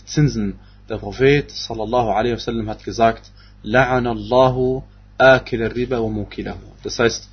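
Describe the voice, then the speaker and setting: A man's voice: fairly low pitch, slightly rough, muffled recording. A man giving a religious lecture on scripture, speaking hesitantly with many fillers and restarts. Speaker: Quran exegesis teacher.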